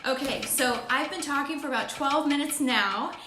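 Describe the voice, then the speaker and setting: A woman's voice: sits high, moderate pace, pushed and bright, slight background noise. Earnest woman vlogging in an echoey room. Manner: earnest and heartfelt, with emotional restarts. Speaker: vlogger and life coach. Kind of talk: casual talk to camera.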